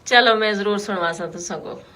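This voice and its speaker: A woman's voice: mid-range voice, normal speed, a crowd in the background. A woman hosting a radio call-in show, talking to listeners in an unscripted, explanatory, conversational way. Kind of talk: unscripted talk radio commentary.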